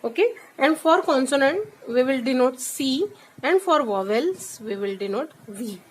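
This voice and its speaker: Woman teacher, classroom lesson, very slow and deliberate, high voice. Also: expressive, rough recording. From India. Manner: slow and deliberate in English, much quicker when switching to Hindi; checks in with repeated "okay?".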